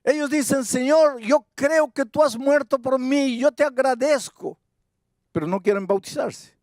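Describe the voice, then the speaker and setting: A man preaching with a high-pitched voice, driving each point home and repeating his key phrases. The sound is dry and close, with no room echo. He speaks as a pastor delivering an evangelistic sermon. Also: a little slow, a little mellow.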